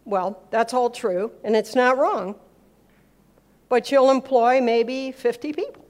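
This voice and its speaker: A woman from America and Switzerland, her voice fairly high, slow, and a little mellow, gives an informal teaching talk on faith and business. She's emphatic, repeating words for effect and acting out snippets of dialogue.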